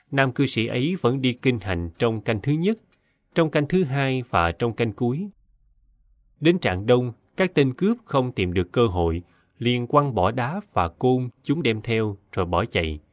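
Guy reading an old buddhist story, solemn and measured, voice swings up and down a lot, dry close sound. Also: medium pitch, no echo. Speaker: narrator reading Buddhist scripture stories. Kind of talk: scripted narration.

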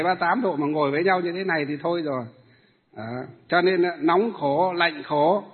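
A Buddhist monk giving a dharma talk to lay followers, asking the audience questions and then answering them himself. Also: male voice, high voice, breathy edge. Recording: tinny phone-like sound in a hall with long reverb.

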